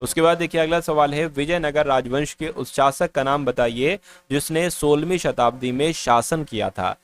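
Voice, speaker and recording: A man's voice: on the high side, normal speed, clean tone. A man teaching exam-prep questions in a quiz-style lesson, walking through each answer step by step and often addressing his students.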